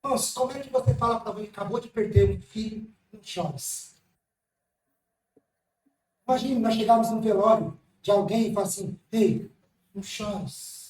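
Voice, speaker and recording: A man preaching an impassioned sermon, moving between sudden shouts and hushed asides. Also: very high-pitched, slight background noise. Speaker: pastor. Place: church hall. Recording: echoey church hall, mic at a distance, faint music.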